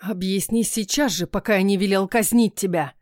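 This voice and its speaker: A woman's voice: mid-range voice, moderate pace, darkish tone, no echo, clean studio sound, close to an everyday voice. A woman voicing a proud, angry young male prince who gives commands and threatens.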